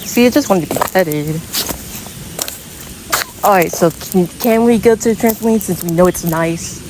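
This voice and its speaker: A woman's voice: lowish voice, normal speed. A woman vlogging outdoors on a rural road, chatting and coaxing animals in a sweet baby-talk voice. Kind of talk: casual vlog walking with animals. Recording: steady outdoor background noise.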